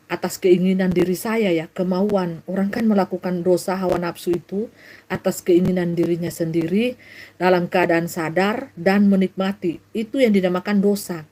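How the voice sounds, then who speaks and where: A woman's voice: fairly low pitch, warm tone, a little hiss or hum, low-quality recording. A middle-aged woman preaching to viewers on a live stream, lecturing them directly and breaking into frequent laughter. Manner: laughs often, bursts of acted shrieks. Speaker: self-styled prophet preacher.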